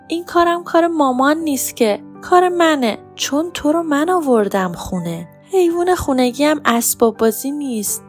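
A young boy from a children's storybook, grumbling as he lists his chores, but patient underneath, as a woman puts him on. The voice sits a little higher than plain talk and sounds boyish. Soft music runs underneath.

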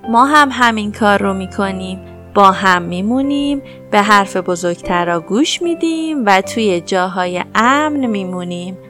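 A woman voicing a gentle, caring mother rabbit in a children's story, talking slowly and tenderly. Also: mid-range voice, lively intonation, soft background music, natural voice. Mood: soothing. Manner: slow soothing tender.

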